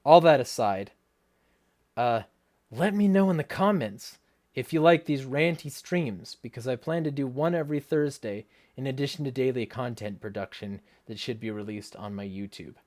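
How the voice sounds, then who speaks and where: A man's voice: medium pitch, normal speed, a little mellow. Blunt, sweary male livestream ranter. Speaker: livestream host. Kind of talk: ranting livestream talk, reading viewer comments.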